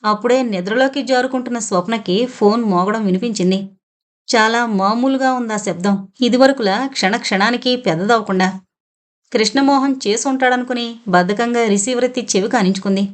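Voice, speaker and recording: A woman narrating a suspense audio novel in a steady storytelling reading. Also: a little high, normal speed. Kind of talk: scripted narration.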